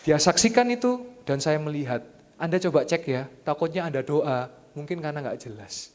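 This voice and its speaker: A young man with an East Javanese accent preaching a sermon as pastor, animated and joking, jumping to loud high exclamations. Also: normal speed. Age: young adult. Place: church hall. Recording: long church-hall reverb.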